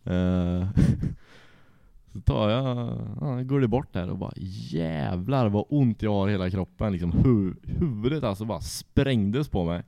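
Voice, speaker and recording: A man's voice: on the low side, expressive, creaky, warm tone, no room sound, lo-fi sound. A young man casually telling a rowdy anecdote, swearing freely and laughing as he goes. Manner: profane, laughs through his story. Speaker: storyteller.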